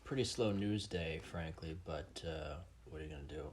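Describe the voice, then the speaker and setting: A man co-hosting a podcast, trading casual banter and dry, deadpan teasing. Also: a bass voice, moderate pace, slight background noise. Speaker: podcast co-host.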